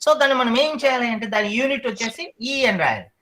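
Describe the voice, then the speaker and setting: A male teacher giving an online class, repeating each term slowly so the students memorize it. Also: extremely high pitch, big pitch swings, bright, forceful tone, low-quality recording.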